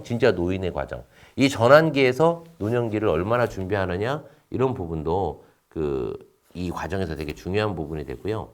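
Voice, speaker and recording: A man giving a recorded lecture in an explanatory tone, asking questions and then answering them himself, with frequent fillers. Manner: explanatory, asks and answers his own questions; frequent fillers, lively rises and drops in pitch.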